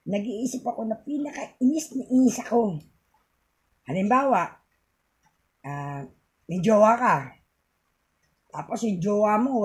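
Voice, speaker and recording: A middle-aged woman with a Filipino accent, giving a home tip in a casual, rambling vlog and laughing often. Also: mid-range voice. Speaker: vlogger.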